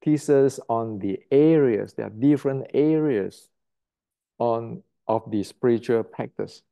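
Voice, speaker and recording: An older man lectures on martial arts in a slow, unhurried delivery. His voice is mellow and warm. He speaks bluntly and emphatically, often repeating a word while he hunts for the next one. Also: medium pitch, gravelly. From Indonesia. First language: Indonesian. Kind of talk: lecture to camera.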